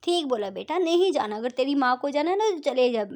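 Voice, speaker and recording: A woman voicing a middle-aged aunt who talks loudly and scolds her sister, in a storybook reading. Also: high-pitched, expressive, a little fast. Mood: insistent. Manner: loud, scolding.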